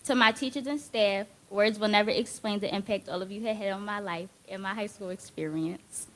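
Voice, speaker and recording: A woman's voice: medium pitch, brisk. A young woman in her late teens, a graduating student, giving an earnest and heartfelt formal graduation speech.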